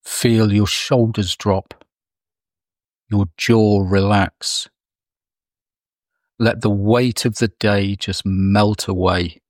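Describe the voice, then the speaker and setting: Male meditation guide, unhurried and gentle, lowish voice, dry close recording. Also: steady tone, no room sound. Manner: slow, soft, soothing delivery with long pauses.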